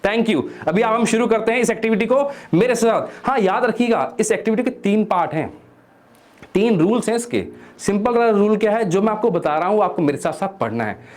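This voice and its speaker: A man from India giving an energetic motivational lesson, constantly asking the viewer questions. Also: high voice. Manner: reads English text slowly word by word. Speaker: motivational coach.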